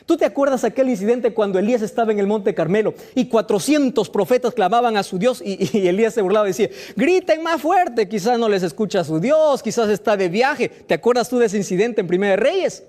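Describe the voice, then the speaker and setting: A man's voice: high-pitched, animated, fairly quick, hardly any pauses, a little mellow. A pastor preaching a sermon, firing rhetorical questions at his listeners with emphatic delivery.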